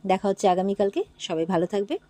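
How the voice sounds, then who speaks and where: A woman's voice: mid-range voice, lively intonation, fast talker, warm tone, dry recording. A woman narrating a casual recap of a TV serial episode, briefly acting out the characters' lines. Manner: briefly acts out characters' lines in shifted voices.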